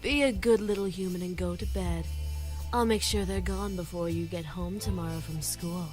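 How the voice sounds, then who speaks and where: A woman's voice: lowish voice, fairly even intonation, normal speed, darkish tone, faint music behind, close to an everyday voice. A woman voicing a haughty, menacing female demon who talks down with a purring, mocking manner, in a game. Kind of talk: visual novel voice acting.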